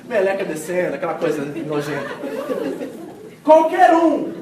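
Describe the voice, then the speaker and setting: A man preaching a sermon as pastor, telling the story with lively acted-out quotes and swings between loud and hushed. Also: sits high, measured pace, crowd noise. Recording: echoey hall miked from a distance.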